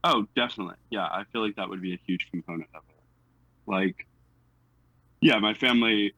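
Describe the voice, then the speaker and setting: Bright-voiced young American man. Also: on the low side, brisk, breathy edge, no echo, muffled recording. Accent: General American. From United States. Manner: hesitant, filler-heavy talk with frequent laughs. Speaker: guest. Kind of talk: casual chat.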